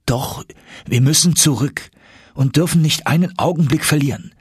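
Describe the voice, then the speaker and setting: A man's voice: a little high, normal speed, husky, no room sound, studio quality, voice pushed up. Man voicing a pleading young nephew. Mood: urgent. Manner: pleading, stammering. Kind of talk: audiobook reading.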